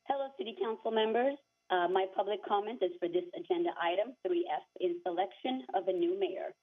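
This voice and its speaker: A woman's voice: medium pitch, brisk, husky. A woman calling in over a phone line to a council meeting, reading a formal, earnest prepared comment. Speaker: public comment caller.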